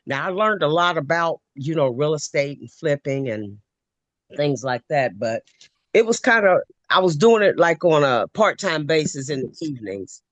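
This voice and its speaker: A talkative woman from Ohio, USA, participating in a webinar by video call, spins loose, filler-heavy stories in casual conversation. Her voice sits low and sounds animated at a normal speed, with no room sound.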